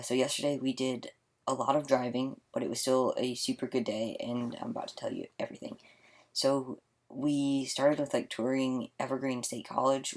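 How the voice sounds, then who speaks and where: Sleepy teen guy mumbling softly, talking low so he won't wake anyone, cramped closet. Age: late teens. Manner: mumbling, quiet to avoid waking others. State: tired, yawning. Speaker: vlogger. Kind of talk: casual video diary. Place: small attic closet in a house.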